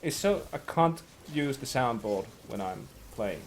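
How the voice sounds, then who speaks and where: A man chatting casually about video games with a sarcastic streak and sudden loud outbursts while he plays. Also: medium pitch, unhurried, slight background noise. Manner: excitable, sarcastic, bursts into loud shouts. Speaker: co-host playing a game. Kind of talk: casual gaming chat.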